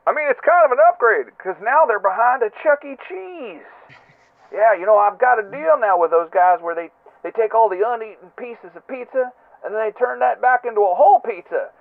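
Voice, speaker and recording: A man's voice: very high voice, expressive, a little fast, gravelly, no room sound, full character voice. A man doing a goofy caller over the phone. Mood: rambling. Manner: rambling, chummy, self-important. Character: goofy oversharing male caller, cheerful and hapless. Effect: heard over a phone line as a voicemail message. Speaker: recurring comic caller. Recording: tinny, dry phone line.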